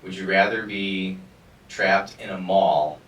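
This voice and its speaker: A man's voice: low-pitched, slow pace, dull audio. A man hosting a podcast, chatting in a laid-back way and swearing casually. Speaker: podcast host. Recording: roomy, distant mic, faint noise.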